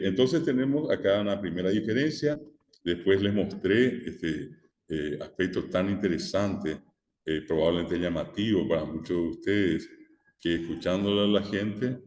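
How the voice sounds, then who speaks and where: A man with a deep, darkish voice teaches a recorded online lecture, walking through the material step by step. He repeats key words, says "eh" a lot, and keeps checking in with "¿verdad?". The room is echoey, with a long reverb.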